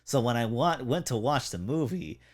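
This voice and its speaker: A man's voice: mid-range voice, expressive, moderate pace. Profane, rambling male podcast host. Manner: profane, rambling storyteller with frequent laughs. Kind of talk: casual chat.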